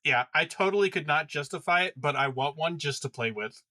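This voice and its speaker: A man's voice: on the high side, fairly quick, pushed and bright, dry recording, studio quality. A man co-hosting a podcast in casual chat, curious and full of follow-up questions. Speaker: podcast co-host.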